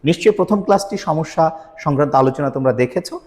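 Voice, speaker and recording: A man's voice: a little high, racing, a little mellow, long reverb tail. A man teaching pronunciation rules, explaining step by step and quizzing his students. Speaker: Bangla grammar teacher. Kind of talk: recorded video lesson.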